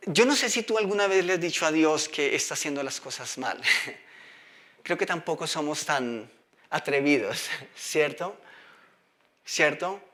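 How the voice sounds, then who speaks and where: Bright-voiced, high-pitched male preacher. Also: expressive, normal speed. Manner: asks the audience questions, reads scripture aloud. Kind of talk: sermon.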